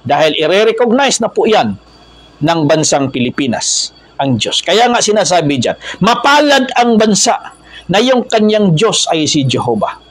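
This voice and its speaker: A man with a Filipino accent preaching an impassioned sermon. He swings between low, earnest explaining and loud, high exhortation, repeating slogans to his brethren and mixing English words into his speech. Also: big pitch swings, normal speed, no room sound, low-quality recording. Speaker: religious movement preacher.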